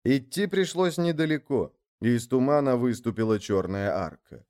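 A man narrating a fairy tale as an audiobook reader, in measured storytelling. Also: medium pitch, expressive, a little mellow. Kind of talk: scripted narration.

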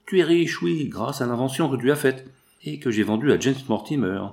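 A man's voice: medium pitch, expressive, brisk, darkish tone, pitched above the performer's own voice, close to an everyday voice. A man voicing a sly, scheming male cousin who feigns concern. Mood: feigned worry. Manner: sly, falsely solicitous.

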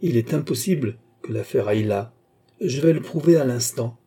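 A man voicing a cold, haughty Portuguese male schemer in an audiobook, raised in pitch and delivered with icy self-importance. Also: animated, moderate pace, dark tone, husky.

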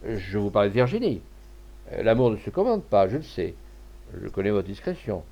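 A man voicing a shrewd old cloth merchant who talks loudly and emphatically, in an audiobook. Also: mid-range voice, very animated, moderate pace, vocal fry, highs cut off. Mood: stern. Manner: loud, blustering and emphatic. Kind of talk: audiobook character voice.

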